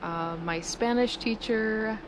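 A woman in her thirties hosting a casual solo podcast, chatty and giggling nervously, recorded in low-quality audio in a small studio on a busy street. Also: slow pace. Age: 30s. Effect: low-quality audio with street noise. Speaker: podcast host. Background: traffic and air-conditioner hum.

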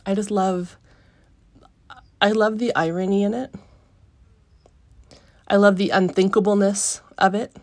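A woman hosting a reflective solo podcast, musing with frequent pauses mid-phrase, recorded live in a small rock cave. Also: medium pitch, steady tone, a little mellow. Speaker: podcast host.

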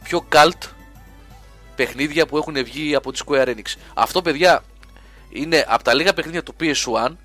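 A man talks games on a casual podcast, his voice bright and forceful. He explains eagerly and at length, dropping quick strings of agreement. Faint music runs underneath. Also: on the high side. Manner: enthusiastic, explains at length, many repeated yeses. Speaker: gaming podcast co-host. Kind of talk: casual chat about video games.

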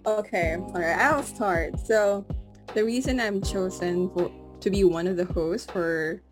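A woman's voice: medium pitch, a little slow, music in the background. A young woman from the Philippines co-hosting a casual podcast, chatty and giggly, full of "like" and "you know". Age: young adult. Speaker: podcast co-host.

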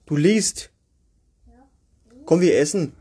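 A man's voice: a little high, animated, slow, warm tone, husky. Grumbling man on a home podcast. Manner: grumbling, crude and sarcastic. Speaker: home podcast host, father. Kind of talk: casual home podcast talk. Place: child's bedroom at home. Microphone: single microphone at home.

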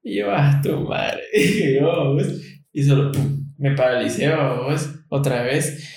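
A man telling a personal story in casual chat, animated, laughing often and checking that his listener follows. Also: medium pitch, slow pace. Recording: very echoey room.

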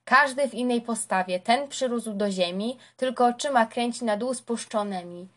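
A woman reading a verse epic aloud as scripted narration, in a measured, rhythmic recitation. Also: a little high, a bit bright. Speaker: reader.

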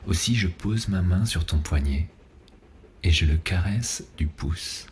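A man playing a seductive, ardent lover in an ASMR role-play, murmuring slowly and breathily, right in the listener's ear. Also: deep voice, a little mellow, slight background noise. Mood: sensual, slow. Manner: slow, intimate, breathy murmur close to the ear. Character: seductive male lover on a night train, intimate and ardent. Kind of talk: ASMR role-play, erotic audio narration.

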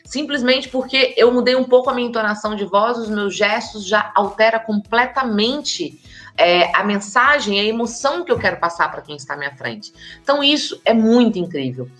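Expressive woman giving a lecture. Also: fairly high pitch, normal speed, faint music behind. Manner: lively, emphatic, speaks straight to the audience. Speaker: communication and body language trainer. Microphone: camera with slides, hands in frame.

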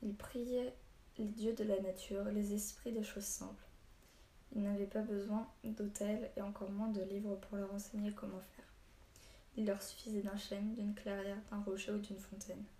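A woman's voice: mid-range voice, flat delivery, moderate pace, warm tone, lightly acted. A woman reading an audiobook, voicing an old male hermit who is a stern, short-tempered storyteller. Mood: grave. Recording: echoey room, faint hiss.

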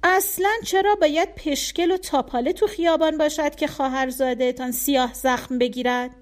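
Casting: a grieving storybook aunt, voiced by a woman, sharp with grief, high voice. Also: fairly even intonation, close to an everyday voice. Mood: bitter. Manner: indignant complaint, then soft questions. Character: grieving aunt, bitter yet tender.

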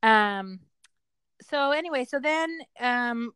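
A woman's voice: fairly high pitch, animated, slow pace, fairly bright tone, clear, resonant tone, dry recording, studio quality. A middle-aged woman telling personal stories as a parent in an interview, talkative and explanatory, repeating words for emphasis. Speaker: parent interviewed about their child. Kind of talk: personal storytelling in conversation.

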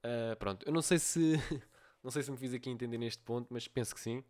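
A man's voice: mid-range voice, fairly quick, a little mellow. A man with a European Portuguese accent hosting a solo podcast, giving advice and often checking in with his listeners. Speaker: podcast host.

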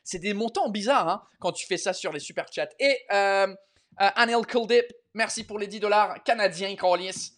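A man chats casually on a live stream, reading out viewer messages and replying. His French is halting, with repeated words and searches for the right term, and he drops into English along the way. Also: high voice, a bit bright. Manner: switches between French and English mid-speech.

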